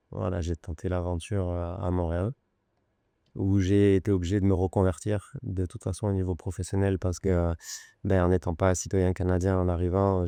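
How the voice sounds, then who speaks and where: A French luxury goods broker in his forties with a Lyon accent tells his story as a podcast guest in a conversational interview, unhurried and hesitant with frequent pauses. His deep, dark, mellow voice is clear and smooth, recorded close and dry in a studio with no echo.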